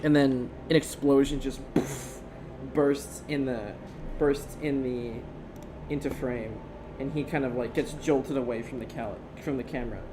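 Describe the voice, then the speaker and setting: A man narrating a tabletop game as game master, halting and pausing between short phrases. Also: medium pitch, fairly even intonation. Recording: clear background room noise.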